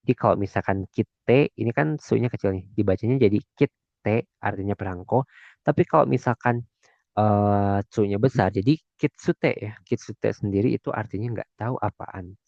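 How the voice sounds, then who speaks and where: A man's voice: on the low side, brisk, creaky, darkish tone, no room sound, highs cut off. A young man teaching a language lesson in a chatty way, often checking that listeners follow. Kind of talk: casual explanatory lesson.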